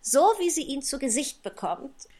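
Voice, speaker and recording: A man's voice: very high voice, slow, a bit bright, voice pushed up, heavily acted. A man voicing a polite, curious and eager little girl in an audiobook reading. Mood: wistful. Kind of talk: audiobook character voice.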